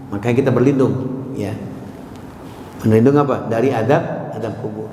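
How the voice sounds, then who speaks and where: A man's voice: medium pitch, moderate pace, warm tone, slight background noise. A man preaching a sermon in a mosque, telling stories animatedly and slipping into quoted voices. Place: mosque hall. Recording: echoey hall, faint ambience.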